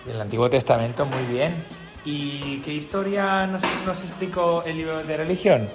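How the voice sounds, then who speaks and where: A man's voice: on the high side, steady tone, normal speed, over music. Man quizzing kids playfully. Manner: encouraging, playful questions. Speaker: teacher hosting a school radio show. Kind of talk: quizzing children in class chat.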